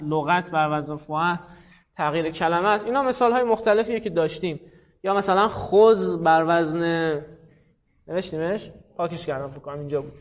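A man's voice: sits high, long reverb tail, dull audio. A man teaching a class, explaining step by step and putting questions to his students. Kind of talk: classroom lecture.

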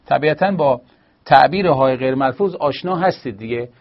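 A man teaching a grammar lesson, explaining patiently with small hesitations. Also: mid-range voice. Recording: slightly dull lo-fi recording.

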